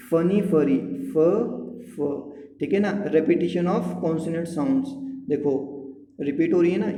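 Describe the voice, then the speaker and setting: A male teacher with a dark, mellow voice that sits slightly high for a man. He reads English verse slowly and then explains it in Hindi, checking in with his class as he goes. The room is echoey with a long reverb tail, and faint noise hums underneath. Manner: keeps checking in with "ठीक है ना". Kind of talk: Hindi-English poetry lesson.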